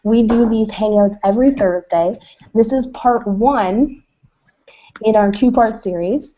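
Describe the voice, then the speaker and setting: A woman's voice: a little high, unhurried, dark tone, highs cut off, slight background noise. A woman from Canada hosting a casual online webinar, enthusiastic and chatty with plenty of fillers. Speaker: host. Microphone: video call.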